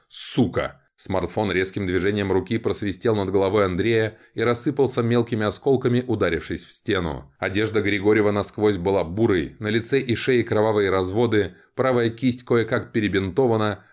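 A male audiobook narrator with a very low voice. He reads in a steady, measured manner. The delivery stays even through the action.

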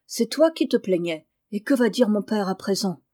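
A woman reading the lines of a playful, good-natured farm boy in a storybook, in a lively tone. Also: medium pitch, moderate pace, no echo, clean studio sound, natural voice.

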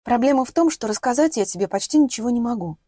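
A woman's voice: a little high, expressive, fast, warm tone, husky, dry recording, studio quality. A woman reading the lines of a guarded, hesitant teenage girl keeping a secret.

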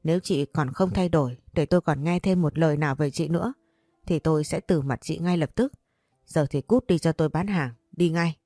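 A woman reads a sharp-tongued mother in a storybook, scolding and cutting, her voice a little low. The reading is close and dry, with faint music behind. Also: a little fast, no room sound. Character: harsh scolding middle-aged mother, market seller.

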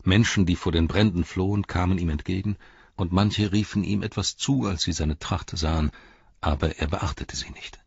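A man reading a story aloud in a measured, grave way. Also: deep voice, steady tone, vocal fry, slightly rough, no echo. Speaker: audiobook narrator. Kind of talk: scripted narration. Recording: dull, dry recording.

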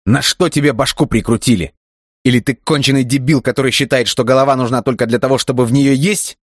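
A man voicing a hot-tempered young gangster who swears and yells at his friend. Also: sits low, normal speed, no echo, studio quality. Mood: yelling furious.

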